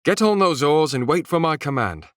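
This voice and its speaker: Narrator does a crude young captain, raised pitch, bossy and gruff, dry sound. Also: male voice, sing-song, unhurried, no echo. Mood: commanding. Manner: barking orders, coarse.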